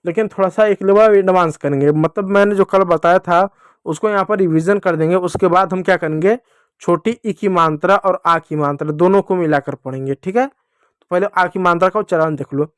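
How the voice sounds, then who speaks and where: A man teaching young children to read letters and vowel signs, slowly and patiently, repeating each sound for them to follow. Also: high voice, clear, resonant tone, no room sound, studio quality. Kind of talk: children's Hindi alphabet lesson.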